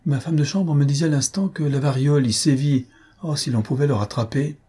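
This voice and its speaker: A man's voice: a little high, fairly quick, dark tone, breathy edge, voice pushed up. A man reading the part of a distraught young wife, in a raised, pleading and cutting tone. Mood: anguished. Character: young wife, anguished and bitterly defiant.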